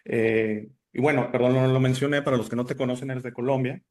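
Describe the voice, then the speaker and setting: A man's voice: mid-range voice, level tone, fairly quick, darkish tone. A man from Italy, raised elsewhere, hosting an interview in a chatty way with many fillers and restarts. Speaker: host. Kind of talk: casual interview chat.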